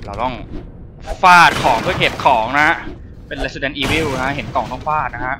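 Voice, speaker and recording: A man's voice: mid-range voice, moderate pace, music in the background. A man commentating as he plays a horror game, talking to the monsters and yelping and swearing at the scares. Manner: jumpy, yelps and swears at scares. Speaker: gameplay streamer.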